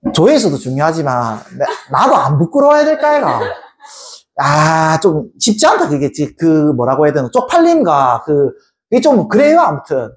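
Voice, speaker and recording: A woman's voice: deep voice, sing-song, slight background noise. Playful woman math teacher. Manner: playful, teasing students with chanted repetitions; addresses students directly with quick questions. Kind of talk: lively classroom lecture.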